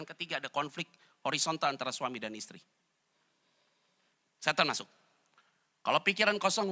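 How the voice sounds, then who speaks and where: A man preaching a casual sermon, jumping into loud acted voices and slangy asides. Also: a little high. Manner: animated, jumps into loud character voices. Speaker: pastor. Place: church online service.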